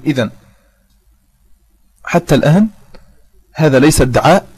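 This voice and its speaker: A man's voice: mid-range voice, darkish tone. A young man with an Egyptian accent, arguing as host of an online religious debate and reading quotations aloud. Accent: Egyptian Arabic. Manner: fast, argumentative, reads quotations aloud.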